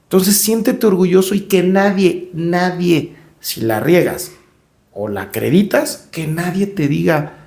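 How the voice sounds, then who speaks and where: A middle-aged man with a Mexican accent speaks a little slowly in a high, creaky, slightly mellow voice as he tells stories as a podcast guest. Reflective and conversational, he repeats words while searching for them.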